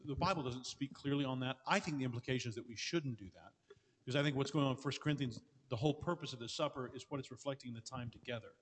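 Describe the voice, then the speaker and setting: Fast-talking pastor man in a reverberant hall. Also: medium pitch, slight background noise. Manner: fast, earnest, with frequent restarts. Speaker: pastor answering audience questions. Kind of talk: conference Q&A answers. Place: large hall with an audience. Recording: long reverb of a large hall.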